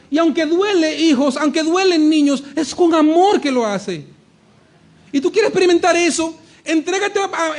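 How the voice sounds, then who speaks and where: A male pastor preaches in a strikingly high voice. He acts out the voices he quotes, drops to a hush, then rises to a shout. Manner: animated preaching, acting out quoted voices, shifting between hushed and shouted. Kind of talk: sermon.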